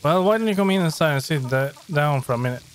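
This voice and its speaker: A man's voice: a little high, expressive, fast talker, slight background noise, close to an everyday voice. A man voicing a hospitable middle-aged male printer and artist in a game, reading the lines aloud plainly. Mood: friendly.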